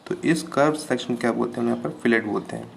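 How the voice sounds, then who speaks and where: Guy lecturing on engineering, gravelly voice, keeps asking if it's clear, faint hiss behind. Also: medium pitch, fast. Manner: patient, repeats terms with "ठीक है, clear है" checks. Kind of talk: classroom lecture.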